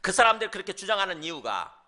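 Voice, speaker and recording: Male pastor, conversational sermon delivery, high and animated pitch, throws out rhetorical questions. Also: fast. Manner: mimics scoffers in mocking asides.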